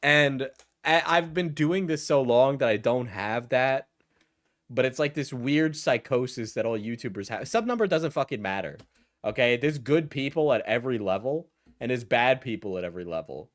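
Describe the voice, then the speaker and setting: A man with a mid-pitched voice delivers off-the-cuff reaction commentary. He is blunt and mocking, swearing freely as he talks back at what he is watching. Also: lively intonation, normal speed.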